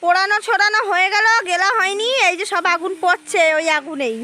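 A woman giving excited running commentary on a family cookout outdoors, filmed on a phone with people chatting around her. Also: very high voice, brisk, noisy background. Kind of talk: casual vlog narration.

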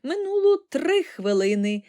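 A woman voicing a showy, self-assured old man who announces things crisply and loudly. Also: high-pitched, sing-song, unhurried, pitched above the performer's own voice. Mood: brisk announcing.

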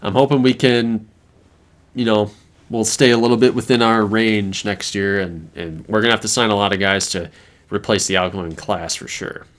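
A man's voice: fairly low pitch, steady tone, normal speed, a bit bright. A man hosting a casual chat about a football video game, laid-back as he walks through results. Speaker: host. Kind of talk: casual gaming commentary.

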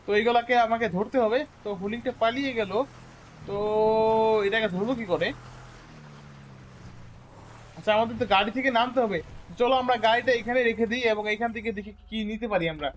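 A man talks his viewers through a hunting game in a casual, rambling way. His voice sits high, and he repeats words when something happens. A faint hum of ambience stays under his voice. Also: moderate pace, long pauses. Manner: chatty, addresses viewers as guys, repeats words excitedly. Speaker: gaming YouTuber. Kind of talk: casual gameplay commentary.

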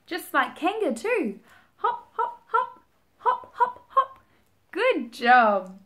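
A young woman reading and singing a picture book for young children, animated and sing-song, making animal noises and asking the child to join in, filmed up close in a small room. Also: very high voice, slow pace. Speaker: children's storytime reader. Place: small indoor room, seated at home.

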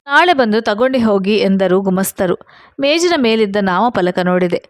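A woman tells a first-person story in a steady, even storytelling voice. Her voice sits at a middle pitch. The recording is dry and close, with no room sound. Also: normal speed, no room sound. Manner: steady storytelling with quoted dialogue. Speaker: narrator.

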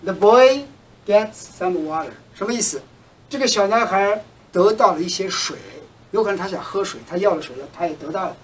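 A teacher giving a recorded language lesson, patiently repeating words and example sentences slowly. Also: mid-range voice, expressive, far from the mic, slight background noise, low-quality recording. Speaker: English teacher.

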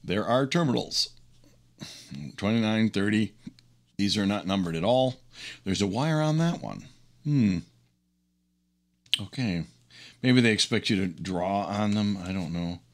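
A middle-aged or older man hosts a teardown video from his workbench, giving loose, unscripted commentary full of enthusiasm and frequent chuckles. He speaks a little slowly in a fairly low voice, with long pauses.

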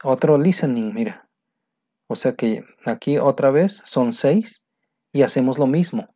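A man's voice: mid-range voice, animated, measured pace, mellow, dry recording. A man teaching English, going over exercise answers step by step in a patient, explaining manner and repeating each answer. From Mexico. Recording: dry, dull lo-fi sound.

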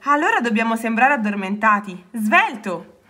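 Gentle male bear voiced by a woman, soft-spoken, kind, storybook. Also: a little high, big pitch swings, moderate pace, exaggerated voice.

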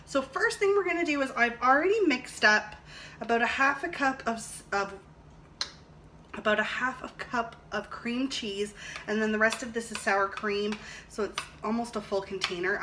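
A woman in her thirties with a fairly high voice talks at normal speed, thinking aloud as she cooks in her home kitchen and reviews a product for her vlog. A camera an arm's length away catches clattering dishes and clicks in the noisy room.

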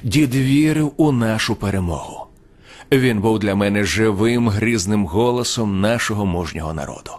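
A man narrating a war story in an audiobook, measured storytelling. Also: fairly low pitch, darkish tone.

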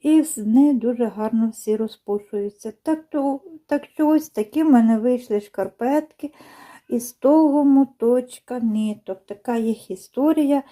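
A woman talks to her viewers from her home in a chatty, unhurried way, pausing on fillers and restarting her sentences. Her voice sits a little high and has a soft, mellow tone. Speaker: knitting vlogger. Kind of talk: casual chat to viewers. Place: home, indoors by a window.

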